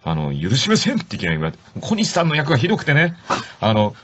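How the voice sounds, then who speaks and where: A man on a radio show talks fast, and his pitch swings widely as he acts out lines in sudden bursts, excited and playful. The broadcast sound is dull, with steady noise underneath. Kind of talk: animated casual chat.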